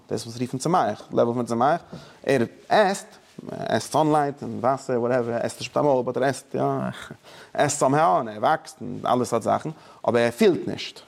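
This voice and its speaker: This gravelly, mid-range male voice belongs to a teacher leading a religious study session. He makes his points with emphasis, frequently breaks off to begin again, and slips English words into German.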